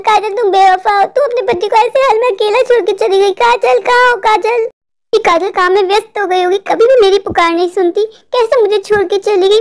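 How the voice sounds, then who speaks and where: A woman voicing a high-pitched frightened husband. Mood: anxious. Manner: fretful, complaining, panicky. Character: frightened, whiny adult husband, mall owner. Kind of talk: cartoon voice acting.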